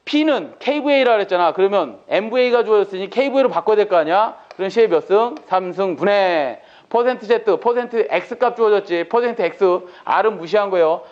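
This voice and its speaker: A man's voice: high-pitched, lo-fi sound. A male lecturer in an exam-prep lecture, working through problems by asking questions and answering them himself.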